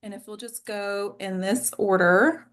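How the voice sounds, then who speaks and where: Her voice is medium-pitched with fairly even intonation and an unhurried pace. She is a host and acting coach guiding a group of actors over a video call, informal and encouraging, using her computer microphone.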